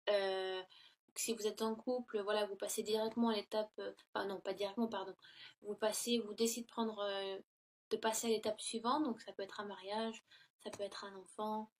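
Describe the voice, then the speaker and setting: A woman's voice: medium pitch, flat delivery, a little fast. A woman giving a casual tarot reading to her laptop, hesitant and full of fillers and self-corrections. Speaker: tarot reader. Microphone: laptop built-in mic.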